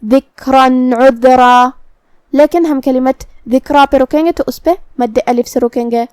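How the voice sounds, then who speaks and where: A woman with a high, smooth, clear voice calmly walks through recitation rules letter by letter. She speaks slowly and precisely, spelling out each pronunciation point. The sound is dry and close. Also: no room sound. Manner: slow, methodical, precise articulation. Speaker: Quran recitation teacher. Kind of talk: tajweed lesson explaining pronunciation rules.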